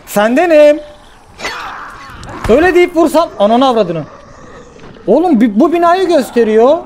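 Excitable, high-voiced male gaming host. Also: measured pace, a little hiss or hum. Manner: excitable, swearing, yelling at the game. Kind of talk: casual let's-play commentary.

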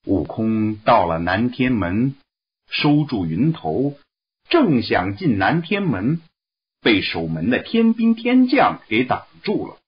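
A man reading a classic story aloud in slow, expressive narration. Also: mid-range voice, breathy edge. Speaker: story reader. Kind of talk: Chinese storybook read-aloud. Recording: dull lo-fi recording.

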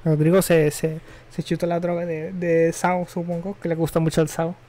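A man's voice: a little high, monotone, normal speed, warm tone. A young man chatting casually and rambling with slang while he streams a game. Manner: rambling, offhand, slangy and self-correcting. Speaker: gaming streamer. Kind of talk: casual live-stream chat while gaming.

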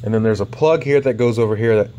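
A man's voice: mid-range voice, fast, mellow, a little hiss or hum. A man walking through a model airplane kit in a casual, rambling way with lots of ums, talking while he handles the parts. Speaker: RC hobbyist showing a flying wing kit. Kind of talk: casual hands-on walkaround.

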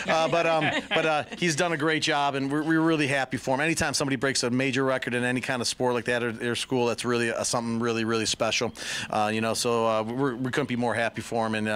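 A middle-aged man, a head coach, giving rapid run-on postgame answers full of fillers, outdoors at a field at night into a handheld mic. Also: medium pitch, fairly bright tone. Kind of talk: postgame interview. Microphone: handheld mic held by interviewer.

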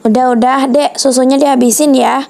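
A woman voicing a caring mother in a toy-world game story, talking calmly to her kids. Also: high voice, fairly quick, gravelly. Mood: motherly. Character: caring mother, gently scolding her children.

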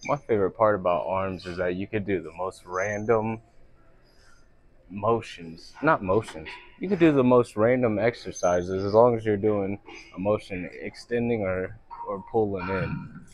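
A man's voice: on the low side, measured pace, a little hiss or hum. A young man vlogging his workout in a large gym, joking and swearing casually, recorded on an earbud mic. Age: young adult. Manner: joking, profane, laid-back. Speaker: fitness vlogger.

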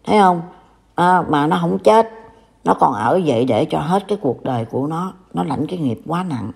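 A woman's voice: low-pitched, expressive, normal speed, vocal fry, darkish tone. An older woman from Vietnam with a Southern Vietnamese accent, scolding and warning in a casual online talk. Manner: scolding, reproachful. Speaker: commentator.

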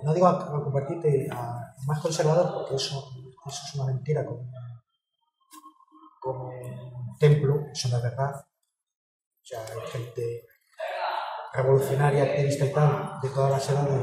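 A woman, talking in a casual interview. She speaks frankly, swears and gets animated when she tells stories. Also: rumbling low, moderate pace. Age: 50s. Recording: roomy, distant mic with music behind.

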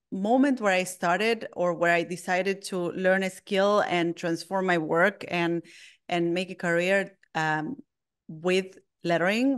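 A woman's voice: mid-range voice, clear, resonant tone. A middle-aged woman from Argentina with an Argentine Spanish accent, a native Spanish speaker, answering interview questions in a thoughtful way that restarts often. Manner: thoughtful, frequent restarts and ums. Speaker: guest, lettering artist.

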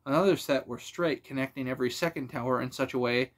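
Male narrator for a fantasy audiobook, steady and even, mid-range voice. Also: medium pitch, quick pace. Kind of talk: fan audiobook reading.

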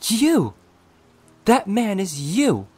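A man's voice: wildly swooping pitch, drawn-out words, darkish tone, husky, soft background music, full character voice. Man doing a shrieking ghost woman. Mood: hysterical. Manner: shrill accusing screams.

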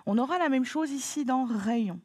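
A woman teaching a phonics lesson to children, patient and encouraging, spelling out sounds slowly. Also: sits high, lively intonation, no echo, studio quality.

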